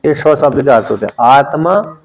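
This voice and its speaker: A man lecturing on a Sanskrit text, explaining terms and repeating words slowly to drill their pronunciation. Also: medium pitch, lively intonation, poor audio. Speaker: Sanskrit scripture teacher.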